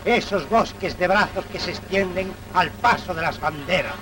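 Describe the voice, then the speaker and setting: A high-pitched man narrates an old 1930s newsreel at a moderate pace, his delivery solemn and declamatory. The soundtrack is noisy and distant, typical of 1930s newsreels.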